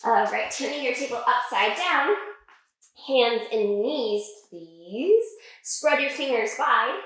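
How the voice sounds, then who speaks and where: A woman's voice: fairly high pitch, expressive, takes it slowly, fairly bright tone. A woman leading a children's yoga class in a playful, sing-song way, cueing poses and making animal sounds. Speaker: kids' yoga teacher. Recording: echoey room, voice from a distance.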